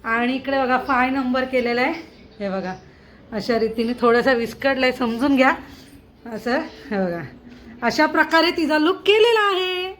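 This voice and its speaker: A young woman talks casually to her viewers from home, and her voice sits on the higher side. She is recorded on a phone, with a steady noise running underneath. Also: moderate pace, rough recording. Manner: chatty, coos to a baby in a high sing-song voice. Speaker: vlogger. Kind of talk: casual home vlog narration. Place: home, indoors.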